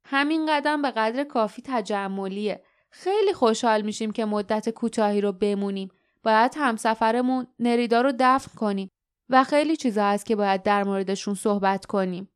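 Woman reading a steady, reassuring traveller. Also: fairly high pitch, smooth, close to an everyday voice. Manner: warm, reassuring. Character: kind, steady grown man, a traveller.

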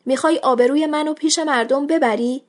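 A woman's voice: high voice, voice pushed up, close to an everyday voice. A poor grown woman pleads in a trembling, raised voice, as a female reader puts her on. She sounds flustered and frightened, begging to be let alone. It is an audiobook reading of a short story. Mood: flustered pleading.

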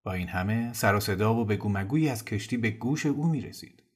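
Man reading a novel aloud, low voice, calm and steady. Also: slightly rough. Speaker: storyteller. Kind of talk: scripted narration of a novel.

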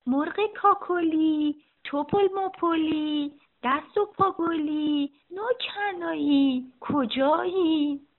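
A woman voicing a worried village man searching for his lost hen, drawing out her words slowly in a storybook reading. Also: high voice, little pitch movement, lightly acted. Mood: calling. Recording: tinny phone-like sound.

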